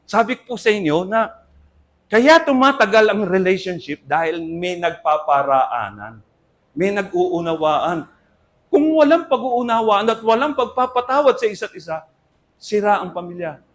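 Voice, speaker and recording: An older man, a Filipino pastor, preaching earnestly in Tagalog-accented English and Tagalog, swinging from loud emphasis to soft asides. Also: sits high. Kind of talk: sermon.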